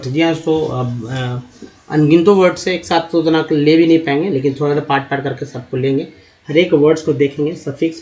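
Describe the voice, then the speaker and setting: A man teaching English pronunciation, sounding out words slowly and explaining each vowel sound. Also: a little high. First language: Hindi. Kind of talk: spoken pronunciation lesson.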